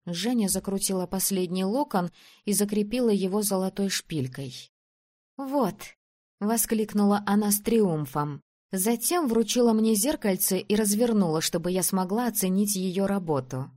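A woman reading first-person fiction aloud as an audiobook narrator, calm and measured. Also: mid-range voice.

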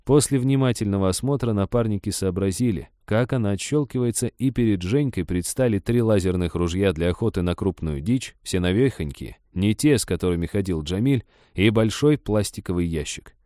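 A man reading a story aloud in even, scripted audiobook narration. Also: fairly low pitch, a little fast, no room sound, studio quality.

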